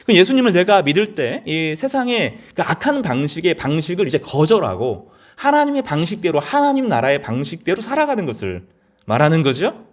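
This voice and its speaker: Earnest, animated male pastor preaching. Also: a little high, a little fast. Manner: earnest, conversational preaching with rising emphatic peaks. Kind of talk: sermon.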